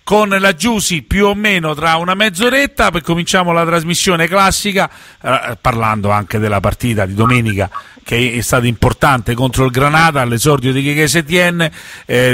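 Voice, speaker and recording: A man's voice: fairly high pitch, pushed and bright, dry recording. A man hosts a live football radio show. The talk is casual and the sound is dry, with little room around it.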